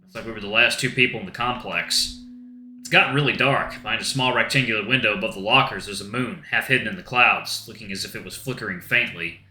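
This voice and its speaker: A let's-play narrator voices a visual novel in the first person, reflective and subdued. His lowish voice is sharp in tone, and he talks fast. The room has a roomy echo with faint guitar music underneath.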